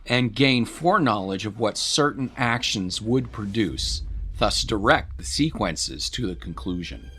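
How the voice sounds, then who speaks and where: For an audio drama, a man narrates dramatic scripted material in a measured, descriptive storytelling style. His voice is medium-pitched and a bit bright, with a music bed underneath.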